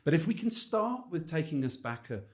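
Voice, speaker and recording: Hosting a podcast interview in a Johannesburg studio, a man sounds enthusiastic and effusive, frequently hesitating and restarting sentences. His voice is fairly high-pitched with big swings in pitch, at a normal speed.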